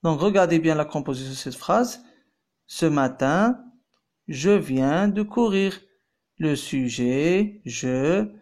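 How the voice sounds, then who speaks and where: A man teaches French grammar, his voice sitting somewhat high for a man. He reads example sentences slowly, repeats them, then switches to quick Arabic to translate and explain. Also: animated, a little mellow. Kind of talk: bilingual grammar lesson.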